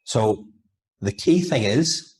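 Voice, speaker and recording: A man's voice: lowish voice, animated, slow pace, darkish tone, slight background noise. A man, a hypnotherapist guest on a video-call interview, explaining at length with frequent repeats and restarts. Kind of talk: casual interview over video. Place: home, over a video call.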